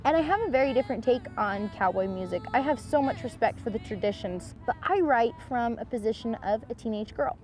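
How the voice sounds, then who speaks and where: A woman's voice: fairly high pitch, lively intonation, fairly quick, few pauses, a little mellow. A young woman in her late teens, a cowboy musician, talking earnestly in an interview. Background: music under the voice.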